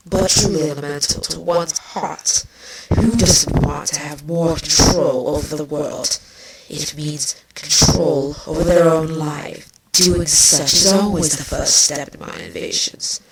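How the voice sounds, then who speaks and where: A woman voicing a scheming changeling queen villain, speaking deliberately and with emphasis in a fan fiction drama. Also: low-pitched. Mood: intense. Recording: distant mic with clear background noise.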